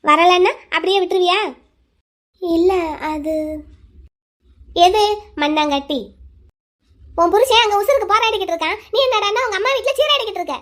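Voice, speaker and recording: Bossy old cartoon grandmother, village speech, very high pitched; woman voice actor. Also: normal speed, long pauses, a bit bright. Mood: scolding. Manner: bossy, scolding, rural Tamil speech. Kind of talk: cartoon voice acting.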